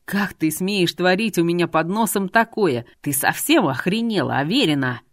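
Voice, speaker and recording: A woman's voice: sits low, normal speed, dry recording, studio quality, natural voice. A woman voicing a stern middle-aged businessman who speaks in a cold, clipped, growling way. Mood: angry.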